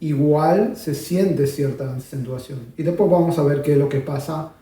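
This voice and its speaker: A man teaching bandoneon in a video lesson, explaining calmly with frequent pauses and spoken demonstrations of sounds. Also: on the high side. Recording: roomy, distant mic.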